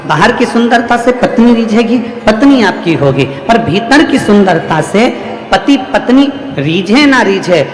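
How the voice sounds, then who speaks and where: A man preaching a devotional sermon to a large gathering, with repetitive, rhythmic, emphatic phrasing. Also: high voice. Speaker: preacher telling a religious discourse. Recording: echoey hall with long reverb.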